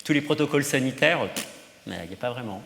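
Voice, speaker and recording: A man's voice: medium pitch, animated, fast, gravelly, fairly bright tone, a little hiss or hum. Priest, male, casual and rambling with asides; roomy reverberant hall sound. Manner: chatty, many fillers and asides. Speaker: priest giving a teaching. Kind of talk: informal talk to teenagers.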